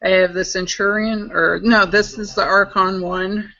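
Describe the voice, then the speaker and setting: A woman's voice: medium pitch, steady tone, measured pace, sharp tone, muffled recording, slight background noise. A woman chatting casually on a live stream as a guest, explaining a coil build as she works. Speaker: guest e-juice maker demonstrating coil builds.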